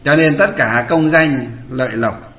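A man's voice: medium pitch, unhurried. A man, a Buddhist monk giving a dharma talk and asking his listeners rhetorical questions. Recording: echoey room over a tinny line.

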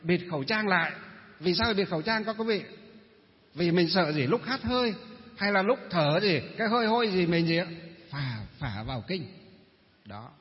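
A man's voice: high voice, expressive, normal speed. A male Buddhist monk with a Northern Vietnamese accent giving a dharma talk, posing rhetorical questions and answering them himself. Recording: reverberant hall, dull muffled sound.

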